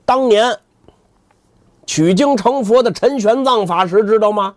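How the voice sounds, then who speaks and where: A man's voice: fairly high pitch, big pitch swings, normal speed, a little mellow, dry recording. A man voicing a brash, money-minded sweeper monk in a traditional tale, hectoring colloquially with rhetorical questions. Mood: indignant, boastful.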